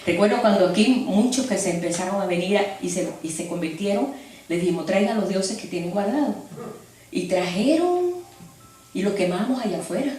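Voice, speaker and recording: A woman preaching a sermon, telling stories in an animated way and laughing as she speaks. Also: mid-range voice, fairly quick, soft background music. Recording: echoey hall from far off.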